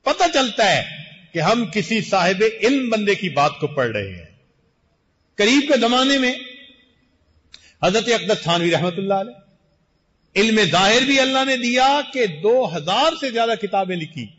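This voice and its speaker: An older man giving a measured, deliberate sermon as a Sufi sheikh, slowing for emphatic phrases. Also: high voice, big pitch swings, fairly bright tone, slightly rough. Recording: muffled recording in a reverberant hall.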